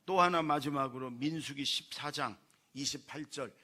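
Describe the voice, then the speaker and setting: A man's voice: mid-range voice, moderate pace, sharp tone, slightly rough. A man preaching a Sunday sermon as pastor, emphatic and exhorting his congregation, often calling for an amen. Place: church sanctuary.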